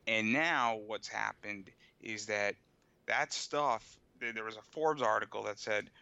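A man in his twenties chatting casually, telling long stories in a relaxed, talkative way. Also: fairly low pitch, unhurried, creaky, clean tone, no echo, muffled recording. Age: 20s. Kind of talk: casual chat.

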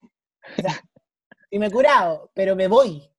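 A woman's voice: mid-range voice, lively intonation, measured pace, breathy edge, no echo. A young woman with a Chilean accent, chatting casually and teasing her friends in blunt slang. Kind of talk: casual chat.

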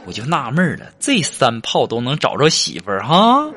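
A man, hosting a joke show and telling funny stories. He swings between quiet asides and loud punchlines. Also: mid-range voice, huge pitch swings, normal speed, heavy background noise. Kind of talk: comedic joke storytelling.

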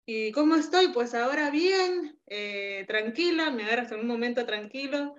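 A woman's voice: fairly high pitch, lively intonation, normal speed, lo-fi sound. A young Peruvian woman with a Peruvian Spanish accent, chatting as an interview guest, hesitant with many fillers and restarts. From Peru. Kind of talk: casual interview chat. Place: at home.

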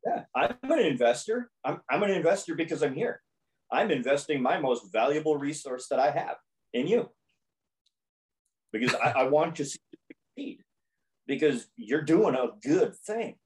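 A man's voice: a little high, animated, moderate pace, poor audio. A man who is a podcast guest and sales coach, making his points emphatically in a conversational interview and often repeating phrases for effect.

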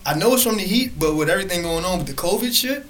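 A man's voice: sits high, expressive, quick pace, fairly bright tone, slight background noise. A young man co-hosting a podcast in casual, slangy bro talk, peppered with "bro" and "like". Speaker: podcast co-host. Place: studio.

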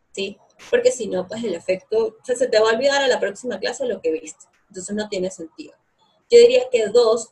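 A woman's voice: mid-range voice, slightly rough. A young woman, chatting casually as an interview guest about learning English, with lots of fillers. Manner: chatty, animated, many fillers. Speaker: guest, English course co-founder.

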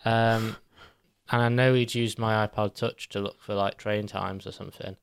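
A man's voice: on the low side, flat delivery, moderate pace, gravelly, clear, resonant tone. A young man, co-hosting a casual chat and rambling, swearing and laughing as he goes. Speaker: podcast co-host.

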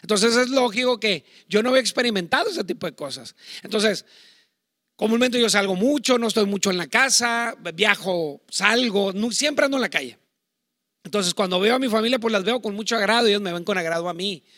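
Loud, bright-voiced Mexican preacher man. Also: high-pitched, animated, brisk, no room sound, clean studio sound. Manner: loud, self-admittedly talks shouting; chatty, digressive preaching with asides. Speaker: pastor. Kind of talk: sermon on marriage to online viewers.

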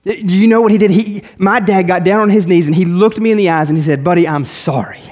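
A man preaches a sermon in a fairly high voice. He repeats words as he goes, swinging from loud, urgent pleading to quiet, earnest, low-pitched talk. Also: quick pace, highs cut off. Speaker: pastor.

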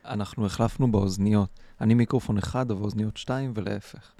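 A man's voice: on the low side, steady tone, mellow, no echo. A man co-hosting a podcast, chatting casually with short reactions and easy laughter. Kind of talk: casual chat.

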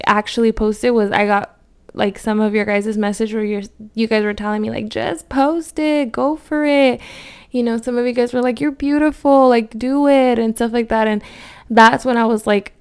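A woman in her thirties hosts a casual solo podcast, chatting loosely, using lots of "like" fillers, and dropping in Spanish words. Her voice is on the high side, smooth and level in tone, at a normal speed.

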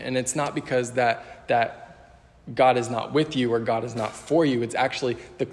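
A man's voice: medium pitch, vocal fry, a little mellow. A young man preaching a casual sermon with many fillers, telling a funny story before reading scripture. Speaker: youth preacher. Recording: long hall reverb.

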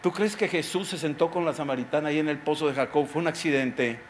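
A middle-aged pastor from Mexico, preaching a sermon emphatically and throwing rhetorical questions at the listener. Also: male voice, a little high, quick pace, slight background noise.

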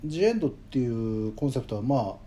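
Musician guy in an interview, really dark mellow tone, thinks out loud, lots of filler words. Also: mid-range voice, lively intonation. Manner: thoughtful, measured, lots of hedging fillers. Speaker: guest musician. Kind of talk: reflective conversational interview.

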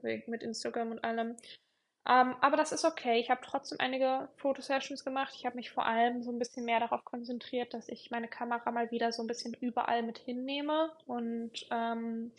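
A young woman hosts her own podcast, talking casually and reflectively in a slightly high voice. She uses many fillers and repeats words for emphasis.

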